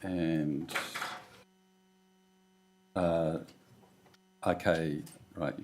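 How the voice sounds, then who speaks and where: A man's voice: extremely low pitch, fairly even intonation, extremely slow, darkish tone, a little hiss or hum. A man with a New Zealand accent at a council meeting, explaining finances in plain terms with everyday examples.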